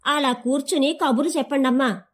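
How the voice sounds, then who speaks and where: A woman's voice: high-pitched, fairly even intonation, a little fast, lightly acted. A woman voicing a chatty, teasing young maidservant who speaks in a rustic village dialect.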